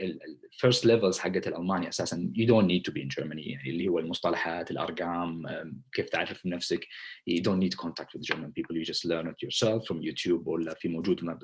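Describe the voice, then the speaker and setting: A man's voice: sits low, breathy edge. A man with a Saudi accent, a doctor giving an informal talk that switches between Arabic and English, hesitant, with many fillers. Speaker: presenting doctor. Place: Germany.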